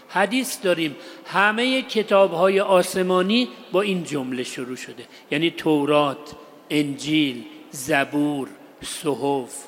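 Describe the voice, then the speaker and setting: A man giving an explanatory religious lesson in short, paused phrases. He asks his listeners rhetorical questions and recites Arabic phrases slowly. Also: a little high, slight background noise. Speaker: religious teacher. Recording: long hall reverb.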